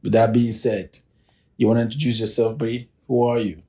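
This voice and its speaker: Brief: man in his thirties, mid pitch, dark mellow tone, measured with restarts. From Cameroon. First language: French. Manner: steady, measured talk with repeated false starts. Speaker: podcast co-host, business consultant. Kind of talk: casual podcast chat.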